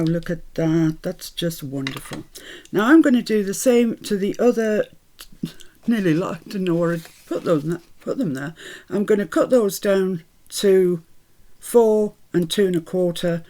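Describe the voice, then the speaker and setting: This Scottish-born woman has a fairly low, mellow voice and a mixed British accent shaped by years in the Midlands. Hosting her craft channel, she chats cheerfully through a tutorial, laughing often and talking as she works.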